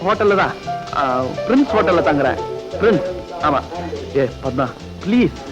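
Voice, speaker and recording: A man's voice: sits high, sing-song, normal speed, highs cut off, over music. An actor playing a charming young man who coaxes and pleads, in a 1970s film scene. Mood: hurried. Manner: coaxing, pleading. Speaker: young businessman.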